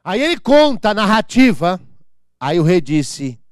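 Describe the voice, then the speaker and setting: An animated pastor preaching, his voice leaping around in pitch as he moves from hushed, low asides to booming declarations. The tone is clear and resonant, the recording close and dry. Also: measured pace, no echo. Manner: animated, mimics church members with comic voices; swings from soft low asides to loud proclamations. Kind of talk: lively preaching sermon.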